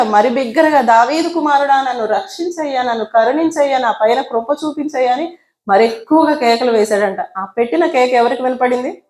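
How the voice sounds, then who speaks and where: A woman evangelist preaching a sermon, asking her listeners many rhetorical questions and acting out the voices in her story. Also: a little high. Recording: roomy echo.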